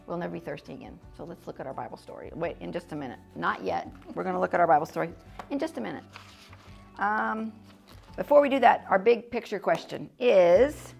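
A woman's voice: on the low side, vocal fry. A middle-aged American woman teaching a children's church lesson in a classroom, chatty and informal, with easy laughs. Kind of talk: casual teaching demonstration. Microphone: fixed camera, mid distance.

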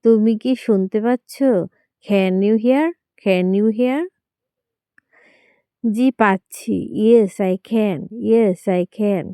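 A woman reads classroom phrases one at a time, first in Bengali and then twice in English, at a very slow, careful pace. Her voice is smooth and crisp. The recording is dry and close, with no room sound. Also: mid-range voice, warm tone, dry recording. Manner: reads each line in Bengali, then repeats it slowly in English. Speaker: English teacher. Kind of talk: slow repeated phrase drills for learners.

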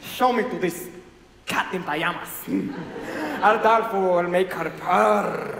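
A man's voice: sits high, a little slow, gravelly. A young man playing a vain, flamboyant Latin lover on stage, bombastic and cowardly, speaking of himself in the third person. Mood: amorous. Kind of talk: broad stage comedy acting. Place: large theatre stage, filmed from the audience. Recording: echoey theatre, noisy, from the audience.

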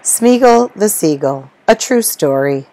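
A woman reading a rhyming children's story aloud in a gentle, rhythmic storytelling manner. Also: mid-range voice, expressive, measured pace, rough recording.

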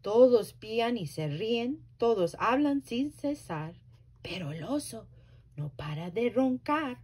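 A woman working as a library storyteller, reading a children's story aloud slowly and very expressively. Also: on the high side, sing-song, a little mellow, breathy edge.

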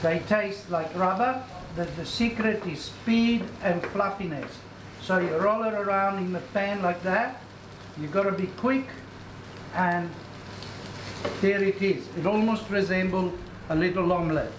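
A man's voice: high-pitched, unhurried, background noise. A middle-aged man, hosting a cooking demonstration and chatting instructively as he cooks in a commercial kitchen. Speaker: cooking show host. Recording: echoey kitchen with faint sizzling.

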